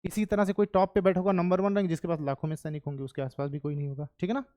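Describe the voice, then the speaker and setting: A man's voice: high-pitched, steady tone, racing, darkish tone. A man teaching history to a class of exam students, chatty and often checking that they follow.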